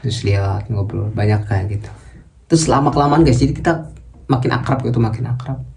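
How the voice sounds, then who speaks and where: Young man, from Indonesia, chatty vlog storytelling, dark mellow tone. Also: mid-range voice, brisk, vocal fry. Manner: chatty, keeps addressing viewers as guys. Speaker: vlogger. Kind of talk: casual storytelling to viewers.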